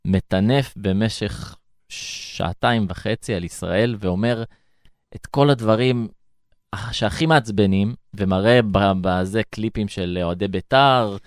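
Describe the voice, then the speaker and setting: Deep-voiced young Israeli man, smooth and earnest. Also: dry recording, clean studio sound. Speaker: interview guest, former emissary abroad. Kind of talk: conversational interview storytelling.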